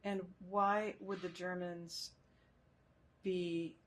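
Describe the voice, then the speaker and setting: Woman interviewer, measured and formal, oral-history questions. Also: fairly low pitch, level tone.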